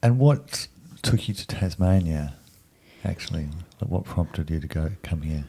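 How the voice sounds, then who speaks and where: Male interviewer, deep and dark, short encouraging questions. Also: lively intonation, measured pace, vocal fry. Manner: brief, encouraging prompts.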